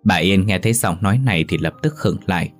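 Deep-voiced male storyteller. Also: fast. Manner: steady storytelling delivery. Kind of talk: scripted audiobook narration. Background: faint music.

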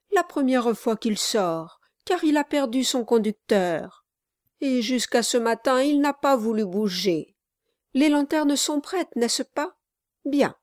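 A woman voicing a gentle, timid young gentleman speaking kindly about his pony. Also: fairly high pitch, no echo, studio quality, voice pushed up.

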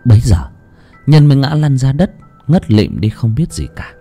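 A man narrating a horror story in a dramatic, expressive reading. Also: mid-range voice, moderate pace, breathy edge. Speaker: audiobook narrator. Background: soft music.

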